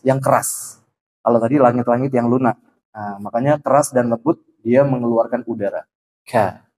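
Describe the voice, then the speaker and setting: A man with a husky, somewhat rough voice leads a study class in a mosque. He teaches Quran pronunciation, sounding out single letters again and again between patient explanations with small fillers. His voice sits at an ordinary middle pitch. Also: darkish tone, poor audio.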